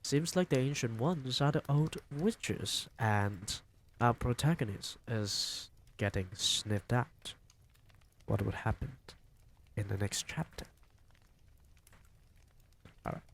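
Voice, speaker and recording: A man reading a novel aloud on a stream, with expressive, dramatic narration. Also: medium pitch, slow, creaky, long pauses, a little hiss or hum. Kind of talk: storybook reading.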